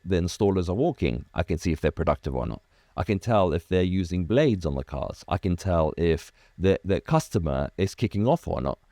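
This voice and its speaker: Brief: low, mellow male founder, animated storyteller, dry close sound. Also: no room sound. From Iraq. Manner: animated storyteller, acts out quoted dialogue, many restarts. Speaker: car detailing business founder, guest. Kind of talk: casual interview chat.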